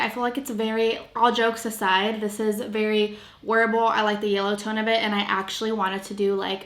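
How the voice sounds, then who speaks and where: A woman's voice: fairly high pitch, fairly bright tone. Chatty woman, echoey room. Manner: chatty and playful, trails off mid-sentence. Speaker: beauty vlogger. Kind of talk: casual makeup tutorial chat.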